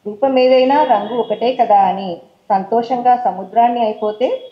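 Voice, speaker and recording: Woman, Telangana accent, poet at a forum recital; casual chat mixed with English words, then rhythmic verse; slightly high voice; roomy, dull hall sound. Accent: Telangana Telugu. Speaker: poet reading her own work. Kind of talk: poetry recital with chatty introductions. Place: stage at a poetry forum event.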